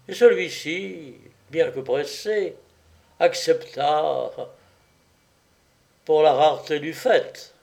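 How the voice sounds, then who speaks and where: A man reading a comic story aloud as narrator, in an unhurried, wry way. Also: medium pitch, darkish tone.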